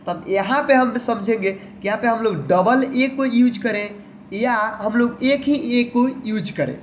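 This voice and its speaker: A man's voice: very high-pitched, measured pace, slight background noise. A man teaching an online lesson in a patient manner, who repeats each word several times and often addresses the viewer as his friend.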